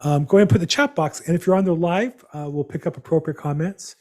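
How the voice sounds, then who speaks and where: A man's voice: on the high side, fast talker, mellow. A man hosting a live real estate seminar over a video call, chatty and rambling with many fillers. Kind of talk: live webinar presentation.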